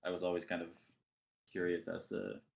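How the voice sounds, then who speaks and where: A man in voice chat asking about the game, hesitant and halting, full of fillers. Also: low-pitched, completely flat delivery, creaky. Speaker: tournament player. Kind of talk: casual voice chat.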